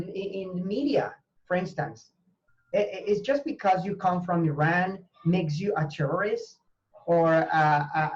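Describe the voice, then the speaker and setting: A Venezuelan man with a voice on the high side, a language teacher and university professor, speaks earnestly in a conversational interview over a dull-sounding call. He is hesitant, with many fillers and restarts.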